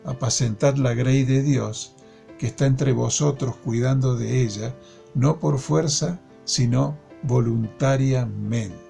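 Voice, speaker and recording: A man leading a Bible study from a workbook, slow and deliberate, repeating key phrases and verses. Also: medium pitch, creaky, mellow, faint music behind. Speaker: discipleship teacher.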